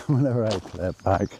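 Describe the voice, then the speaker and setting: Walking outdoors in nature, a travel vlogger talks to his handheld camera, rambling and hesitant with many restarts. His voice is fairly low-pitched, and the background is noisy.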